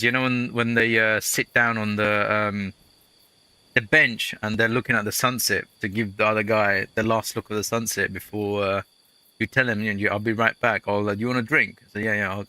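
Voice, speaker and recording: A man's voice: on the low side, pushed and bright, no echo. A man hosting a let's play, giving casual gameplay commentary that rambles into chatty, jokey storytelling.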